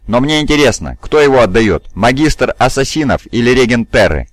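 A man's voice: medium pitch, sing-song, brisk, no echo, lightly acted. A man voicing a huge, stern male bodyguard warrior who talks bluntly and firmly.

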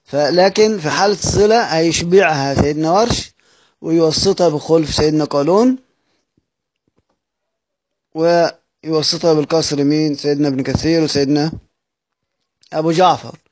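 A man with an Egyptian Arabic accent teaches Quranic readings. He asks his students questions, answers them himself, and draws out each recited word slowly. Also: on the high side, darkish tone.

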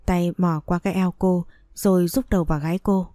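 A woman reads a romance story aloud in a slow, steady manner. Her voice is low and warm, recorded dry with no room sound. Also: dry recording. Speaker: narrator. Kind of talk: audiobook story narration.

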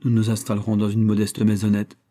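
A male narrator speaks as a proud young heiress with a firm, cool resolve. His voice stays mellow and fairly low even as he lifts it a little for her. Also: fast, lightly acted. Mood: resolute. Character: proud, strong-willed young heiress, woman.

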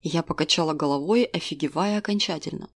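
A woman's voice: deep voice, fairly quick. Woman narrating a first-person audiobook. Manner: dry, ironic storytelling.

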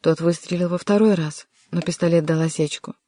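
An audiobook narrator reading a historical adventure novel in an even, measured way. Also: medium pitch, no room sound, studio quality. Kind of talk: scripted narration.

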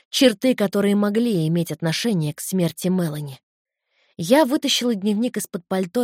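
A woman reading a novel in the first person in a tense, measured way, recorded close to the mic. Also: on the low side, a little mellow, no echo. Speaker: audiobook narrator. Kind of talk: first-person audiobook narration.

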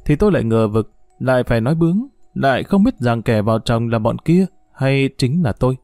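A keen, intense young detective , read by a man in a mellow, low-key voice. He talks with clipped urgency and cool confidence. The sound is dry, with soft music behind. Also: lively intonation, a little fast, no room sound, natural voice. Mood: brooding.

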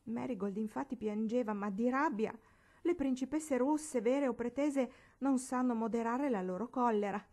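A woman reading a classic novel aloud as narrator, in an expressive, dramatic manner. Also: a little high, normal speed. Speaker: storybook reader.

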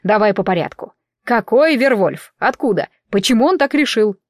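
A fussy, excitable male elf priest who lectures and exclaims in a lifted, loud voice, as a woman reads him in an audiobook. The sound is close and dry, with no room around it. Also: a little high, normal speed, no room sound. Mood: puzzled. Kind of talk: audiobook character reading.

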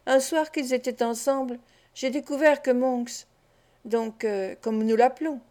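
A woman's voice: high-pitched, steady tone, measured pace, warm tone. A woman voicing a poor, desperate young woman of the streets, pleading and tearful, in a read-aloud novel.

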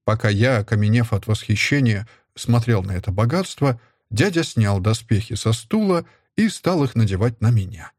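A man narrating a story in the first person, steady and even. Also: on the low side, moderate pace, few pauses, no echo, clean studio sound. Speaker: audiobook narrator. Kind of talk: scripted narration.

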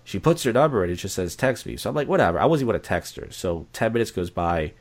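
A man's voice: on the low side, expressive, fast talker. A young man telling a story casually, acting out the quoted voices with animation. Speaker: guest.

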